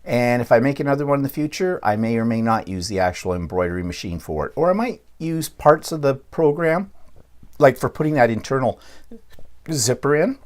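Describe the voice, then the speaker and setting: A middle-aged man from Canada, chatting casually on his quilting vlog, rambling with frequent ums and restarts, clearing his throat now and then. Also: medium pitch, lively intonation, fairly quick. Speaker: quilting vlogger. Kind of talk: casual show-and-tell vlog.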